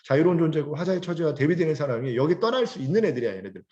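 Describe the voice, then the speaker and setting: A middle-aged man teaching a poem in a lively lecture, acting out sneering laughs and scolding voices. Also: a little high, very fast. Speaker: literature teacher. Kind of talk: poetry lecture. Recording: dull lo-fi recording.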